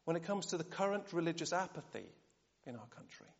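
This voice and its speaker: A man preaching a sermon, animated and often asking the congregation rhetorical questions. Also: a little high, quick pace. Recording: dull sound, long church reverb.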